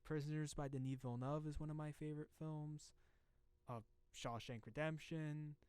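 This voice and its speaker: A polite young man hosting a casual interview podcast, measured and earnest. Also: fairly high pitch, fairly even intonation, darkish tone, clean tone, no echo. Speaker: podcast host.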